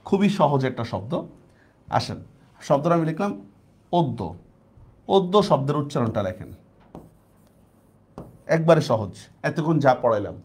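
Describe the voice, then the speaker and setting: A man's voice: on the high side, expressive, normal speed, pauses often, a little mellow. A man teaching an online class, repeating points and checking that students follow.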